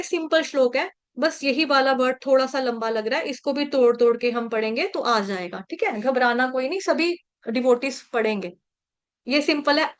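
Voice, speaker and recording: High-voiced woman teaching a scripture class. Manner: patient, coaching pronunciation syllable by syllable. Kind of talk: online scripture class, chanting verses.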